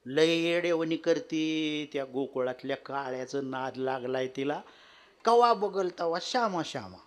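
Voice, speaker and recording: A man voicing a fretful, sharp-tongued old village woman in a devotional storytelling sermon. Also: on the high side, unhurried, slight background noise, natural voice. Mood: gossiping. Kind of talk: kirtan storytelling.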